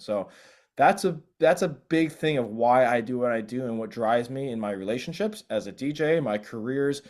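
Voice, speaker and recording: A man, a DJ guest speaking earnestly and reflectively, often restarting his phrases. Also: medium pitch. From South Korea. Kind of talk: casual interview chat.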